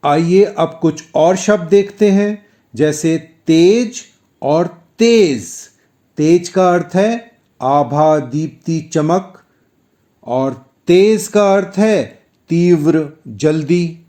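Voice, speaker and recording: A middle-aged man teaching Hindi pronunciation in a scripted lesson, speaking deliberately and drawing out sounds for practice. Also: a little high, warm tone.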